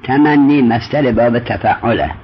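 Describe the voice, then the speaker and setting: A man's voice: mid-range voice, a little hiss or hum. A man teaching a traditional Arabic grammar lesson, explaining step by step and quizzing his student as he goes. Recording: muffled lo-fi recording.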